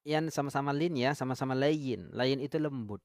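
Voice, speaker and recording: A man's voice: medium pitch, darkish tone, no room sound. Man teaching recitation, dry sound. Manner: explains step by step, drills syllables slowly, asks viewers questions. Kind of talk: online tajwid lesson.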